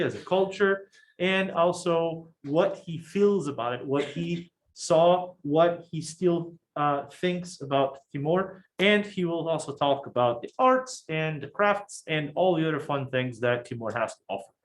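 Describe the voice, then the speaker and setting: A man's voice: a little high, a little hiss or hum, rough recording. A man hosting a live online event, introducing the guest speaker in a casual, chatty way. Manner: casual, friendly, uses fillers. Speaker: event host.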